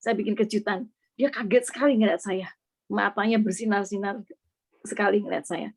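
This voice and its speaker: A woman's voice: mid-range voice, fairly even intonation, moderate pace. A middle-aged woman from Indonesia earnestly sharing a personal faith testimony, slipping English words into her speech.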